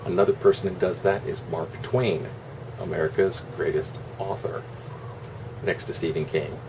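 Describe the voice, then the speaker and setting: A man's voice: extremely low pitch, distant mic. A man giving a casual, opinionated monologue in a rambling, sarcastic, salty way. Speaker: online video host. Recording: constant air-conditioner hum, noisy room.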